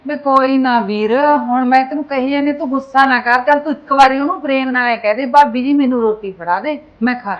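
Actress as a worried gentle mother, soothing, pleading, short film acting, higher voice. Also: a little fast, hardly any pauses, dull audio, lightly acted. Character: fretful kind mother of two grown sons.

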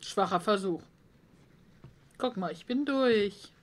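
A woman's voice: medium pitch, slow pace. Chatty woman gaming. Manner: chatty, musing aloud. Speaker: let's play host. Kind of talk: casual gameplay commentary.

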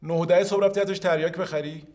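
An actor playing an interrogator who asks calm, pointed questions. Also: male voice, high voice, close to an everyday voice. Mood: probing. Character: calm probing interrogator man.

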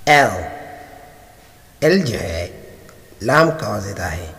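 A man teaching letter sounds, slowly naming example words one by one. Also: lowish voice, sing-song, fairly bright tone, big-room sound. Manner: slow, deliberate, listing example words. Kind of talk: phonics lesson.

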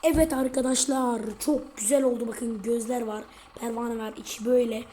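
A woman giving casual commentary on her gameplay, chatty and excitable, often turning to address her viewers. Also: fairly high pitch, moderate pace. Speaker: gaming video creator.

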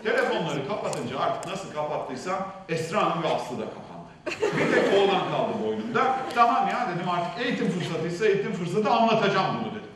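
A middle-aged man on stage in a university hall, telling a personal story with vivid, dramatic swings between loud and hushed speech. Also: high voice, very animated, a little fast, noisy background. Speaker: seminar speaker sharing a personal story. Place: university auditorium. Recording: echoey hall, distant mic.

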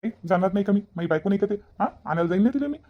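A man's voice: sits high, expressive, rapid-fire, dull audio. A man with a Varhadi Marathi accent voicing a young husband who speaks defensively and doubtfully about family matters. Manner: defensive, then doubtful and complaining.

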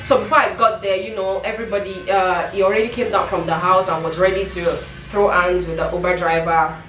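A woman's voice: fairly low pitch, fairly even intonation, a little fast, fairly bright tone, recorded from a distance, soft background music. A young woman, telling her viewers a personal story in a casual, emotional vlog monologue with asides to the audience. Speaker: vlogger. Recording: roomy echo, mic set back.

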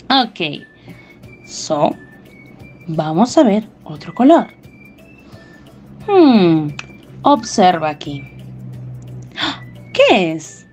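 A woman teaching English to small children, talking in a slow, exaggerated sing-song teacher voice with gasps of surprise. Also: a little high, darkish tone. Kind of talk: bilingual lesson for small children. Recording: faint music behind.

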